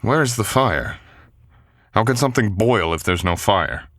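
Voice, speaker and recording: For a boyfriend ASMR audio drama, a voice actor plays a wounded young knight, gallant and protective, who speaks in an old-fashioned courtly manner and sounds bewildered. His fairly low voice is expressive and a bit bright, at a moderate pace, recorded in studio quality with no room sound.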